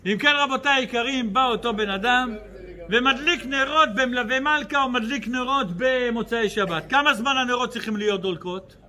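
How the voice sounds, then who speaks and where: A man giving a religious lecture to a live audience, telling humorous stories and quizzing his listeners. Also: very high-pitched. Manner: lively storyteller who acts out dialogue in his stories; addresses the audience directly with questions.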